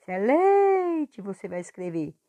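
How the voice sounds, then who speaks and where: A woman teacher recording a lesson review for her pupils, patient and clear, stretching words out to stress syllables. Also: lowish voice, unhurried, phone-quality sound.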